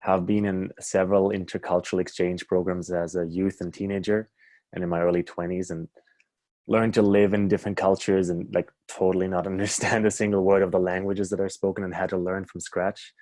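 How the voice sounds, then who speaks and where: A man from Germany introducing himself in a relaxed, casual way. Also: low voice, fairly quick, no echo. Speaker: participant. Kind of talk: personal introduction.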